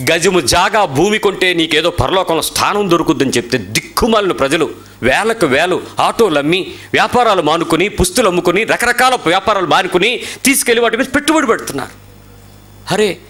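A man with a Telugu accent preaching a sermon, firing rhetorical questions and swinging from loud outbursts to low asides.

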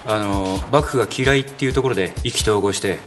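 Brief: man as a quiet-voiced young rock singer, earnest, brisk pace, music behind. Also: on the low side, close to an everyday voice. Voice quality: quiet, small voice. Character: soft-spoken young male rock band vocalist. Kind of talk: TV comedy sketch acting.

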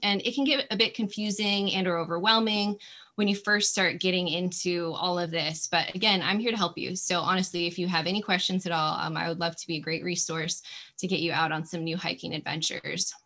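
A woman's voice: on the low side, steady tone, a little fast, sharp tone. A woman in her thirties giving a friendly, encouraging webinar presentation on a video call, with frequent ums. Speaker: nature volunteer coordinator.

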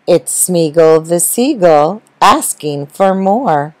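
A woman narrating a rhyming children's story, gentle and rhythmic. Her voice sits low and moves at an unhurried pace. The recording is dry and close. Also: animated, no room sound, rough recording. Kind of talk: children's story reading in rhyme.

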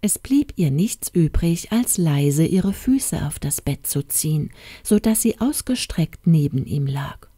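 A woman narrating a storybook in a calm, measured way. Her voice is dark and mellow, a little low, and sits close and dry with no room sound. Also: breathy edge, no echo. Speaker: audiobook narrator.

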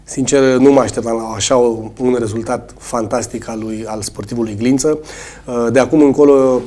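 A swimming coach, hoarse a cold, answering in a studio interview with many hesitations. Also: male voice, medium pitch, steady tone, mellow.

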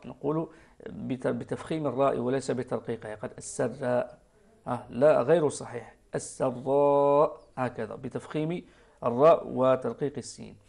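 A man with a gravelly, creaky voice and an Algerian Arabic accent. He patiently explains recitation rules and demonstrates the pronunciation himself, like a teacher on a live broadcast. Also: medium pitch, a little mellow.

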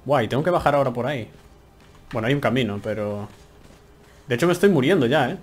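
Animated and fast, this medium-pitched young man from Spain chats and exclaims his way through a game at home, with soft music in the background. He's a gameplay streamer doing casual let's-play commentary, often talking to himself as he plays.

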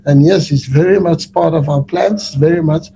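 A man in his forties with a South African accent, a football coach answering press questions in a relaxed, rambling way with many restarts, speaking over a webcam on a video call. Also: a little high, moderate pace, a little hiss or hum, rough recording. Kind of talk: post-match press conference answers. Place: indoors before a sponsor backdrop.

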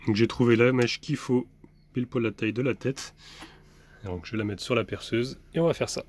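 In a steady, mid-range voice, slightly fast and with a little hiss or hum, a young man narrates his do-it-yourself project. The vanlife vlogger chats while working, partly up on his camper van roof outside, using many fillers and restarts.

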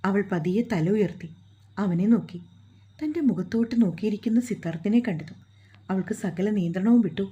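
A woman reading a dramatic short story aloud in a calm, measured way. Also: medium pitch, highs cut off.

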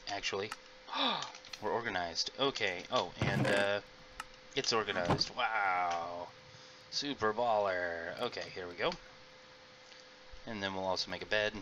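On a noisy home recording, a middle-aged man hosts a casual let's-play, commenting on his game and chatting with viewers. His voice is fairly low, a bit slow, and broken up by frequent pauses.

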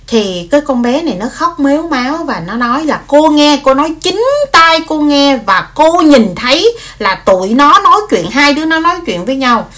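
Chatty woman telling a story. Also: high voice. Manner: animated, frequent fillers and repeated words. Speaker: vlogger retelling a story. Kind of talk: casual spoken storytelling.

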